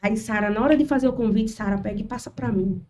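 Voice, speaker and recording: A woman shares a lively church testimony as a podcast guest. Her voice sits a little high but soft and mellow. She is picked up from a distance, away from the mic. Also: quick pace, slight background noise. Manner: animated storytelling, acts out quotes. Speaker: guest, children's ministry worker. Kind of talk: testimony in casual chat.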